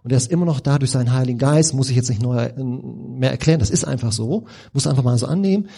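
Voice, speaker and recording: A man's voice: medium pitch, quick pace, gravelly, dark tone, slightly rough. A middle-aged man preaching a sermon in a conversational, informal way, with rhetorical questions and frequent restarts.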